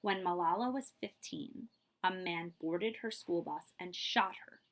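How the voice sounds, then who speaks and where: With a fairly low voice and a slightly slow delivery, a woman reads a children's picture book aloud. Her style is expressive and emphatic, much like a librarian leading story time.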